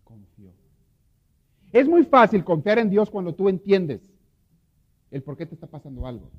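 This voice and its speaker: Priest preaching in a reverberant church. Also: male voice, sits high, big pitch swings, normal speed. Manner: swings from hushed murmurs to loud impassioned pleading. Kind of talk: sermon. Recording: dull lo-fi audio with long hall reverb.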